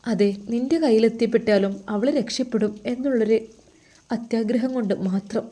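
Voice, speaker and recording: A woman's voice: on the high side, steady tone, moderate pace, dark tone, lightly acted. A woman reading the lines of an older widowed mother, tender and pleading, with a Malabar Malayalam accent.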